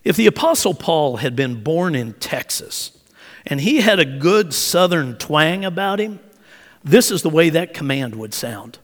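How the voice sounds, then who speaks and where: A man's voice: a little high, very animated, unhurried. A male pastor from Oklahoma preaching a sermon, repeating key phrases emphatically and leading the congregation in saying them back. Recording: long church-hall reverb.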